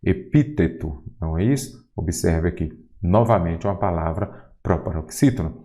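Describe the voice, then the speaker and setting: Lively Brazilian exam-prep teacher, man. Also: low voice, normal speed. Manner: rhetorical questions, lively emphasis on key words. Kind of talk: exam-prep grammar lesson.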